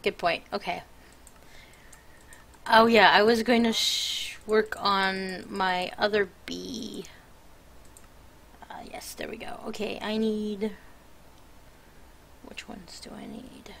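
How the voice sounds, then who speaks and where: A woman's voice: medium pitch, fairly even intonation, slow, gravelly, long pauses, fairly bright tone. Tired young woman streamer, rambling, teasing, casual live-stream chat. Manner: rambling, teasing, self-interrupting.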